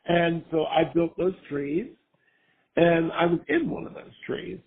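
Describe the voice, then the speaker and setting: Hoarse older man on a phone line. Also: on the high side, unhurried. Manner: rambling, full of fillers and restarts. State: hoarse from a cold. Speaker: guest, former costume maker. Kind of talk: casual interview chat. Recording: tinny phone-line sound.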